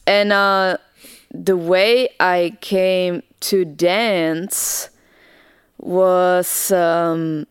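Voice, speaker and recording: A woman's voice: fairly low pitch, steady tone, extremely slow, smooth, no room sound, clean studio sound. A young woman from the Republic, a dancer telling her story in a friendly, hesitant way as a podcast guest. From Czech Republic. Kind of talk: casual podcast interview.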